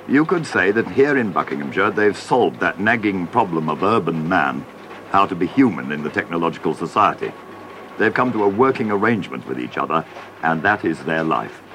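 Deep-voiced man narrating a documentary. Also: noisy background.

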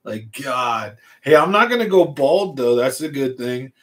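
A man's voice: medium pitch, expressive, measured pace. A man of forty hosting a fishing channel livestream from a small home room, chatting casually, rambling and answering viewers' comments. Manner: rambling, laid-back, reads and answers chat. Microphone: large studio mic on a stand in front.

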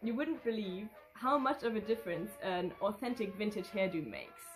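Her pitch is medium, her intonation lively, and her pace moderate, over faint background music and low-quality audio. She's a young native German speaker in her twenties, a vintage fashion vlogger reading out fan questions and rambling through off-the-cuff replies. The casual vlog is filmed in her living room, which has a red curtain and a sofa.

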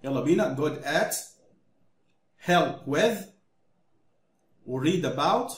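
A man with an Egyptian Arabic accent teaches English vocabulary to children, repeating each word again and again. His pitch leaps up and down with energy, his pace is slow and drawn out, and his voice rings in an echoey room. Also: lively intonation. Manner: repeats words slowly, coaxing pupils to echo. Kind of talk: vocabulary drill lesson for children.

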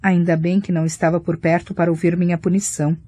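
Woman narrating a romance audiobook softly. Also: lowish voice, flat delivery, quick pace, husky. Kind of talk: first-person audiobook narration.

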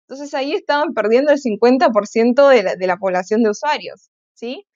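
A woman speaks in a fairly high voice at an online tech conference, pausing often on filler sounds and restarting her phrases. The audio is dull and lo-fi, with a dry, close sound. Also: darkish tone, no echo.

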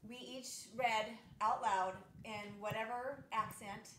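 A woman's voice: a little high, steady tone, takes it slowly. A woman co-hosting a casual live panel chat, joking and poking fun at herself. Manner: joking, self-deprecating. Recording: echoey room, far from the mic, background noise.

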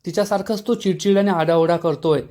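A man's voice: high-pitched, fast talker, darkish tone, close to an everyday voice. A man reading as a firm elder brother. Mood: stern. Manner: firm, scolding.

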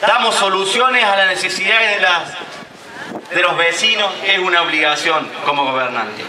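A man's voice: sits high, normal speed, crowd noise. Declaiming Argentine man at an outdoor podium. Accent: Argentine Spanish. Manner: declamatory, reading a prepared speech. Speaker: mayor. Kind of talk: formal public speech. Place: outdoor covered stage at a public ceremony. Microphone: stand mic at a lectern. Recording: echoey outdoor PA sound from far off.

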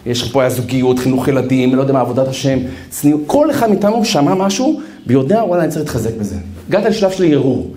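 A man, a rabbi, giving a live sermon with lively storytelling and acted-out quotes in a large hall. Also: mid-range voice. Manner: animated, acts out quotes, addresses listener as brother. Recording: roomy hall echo.

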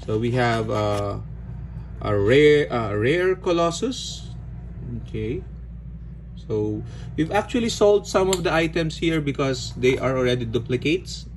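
A man from the Philippines casually narrating an unboxing, relaxed, with frequent "okay"s and fillers. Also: medium pitch, measured pace, low-quality recording. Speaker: unboxing vlogger. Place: indoors at a table. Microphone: phone or camera filming hands overhead. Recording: home recording with audible background noise.

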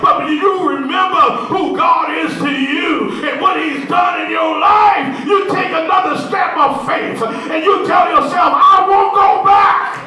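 A man preaching a sermon in a church sanctuary, speaking into a handheld mic with impassioned, drawn-out calls to the congregation. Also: extremely high pitch, crowd noise. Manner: impassioned call-and-response preaching, shouting in sustained whoops. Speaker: pastor. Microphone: handheld microphone. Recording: very echoey church from far off, with congregation and organ.

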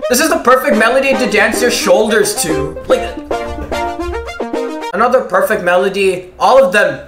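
A host giving casual reaction commentary on a music game mod, excitable and rambling. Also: medium pitch, moderate pace, roomy sound. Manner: excitable, rambling, breaks into silly voices. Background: faint game music.

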